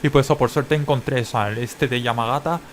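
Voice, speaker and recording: A man with a Spain Spanish accent talks casually to his viewers. His explanations wander, and he checks in with the listener after nearly every phrase. His voice sits at a middle pitch over a faint background noise. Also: fairly even intonation, fast talker. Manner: rambling, tags many phrases with a questioning check. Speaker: language-learning vlogger.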